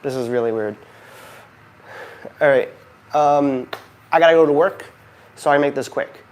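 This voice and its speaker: A man with a fairly high, slightly mellow voice keeps a measured pace as he hosts a loose, unscripted update video for his channel. His style is silly and rambling, full of self-interruptions, and a noisy heating fan sits close to the recording.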